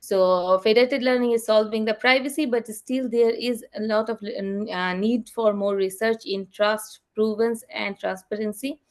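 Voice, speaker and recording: A woman researcher giving an invited talk over a video call, explaining in an earnest, halting way. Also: fairly high pitch, fairly even intonation.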